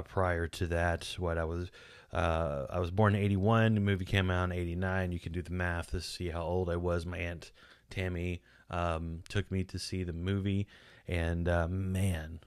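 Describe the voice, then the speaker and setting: A Texan man in his forties with a low, clear, resonant voice hosts a podcast, giving a casual solo video commentary in a chatty, rambling style with frequent restarts and fillers. The recording is dry, from a close boom-mounted studio mic in a small home studio.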